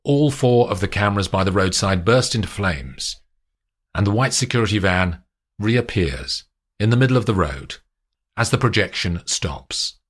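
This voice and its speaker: A man giving scripted audiobook narration of a spy story in a steady, descriptive way. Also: on the low side, moderate pace.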